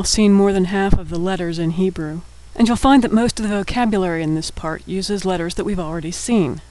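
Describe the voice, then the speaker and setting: High-voiced man teaching letters. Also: a little mellow, low-quality recording. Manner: patient, sounding out words syllable by syllable. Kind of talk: recorded language lesson.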